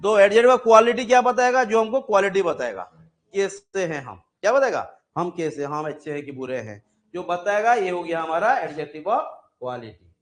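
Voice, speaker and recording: High-voiced man teaching a grammar class. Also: expressive, normal speed. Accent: Indian English. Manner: explains with many examples, checks understanding often.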